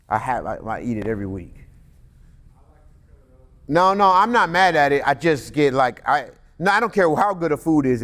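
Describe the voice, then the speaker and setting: A man teaching a sermon in a casual, conversational way, joking with the congregation and reading scripture slowly. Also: lowish voice, fairly bright tone.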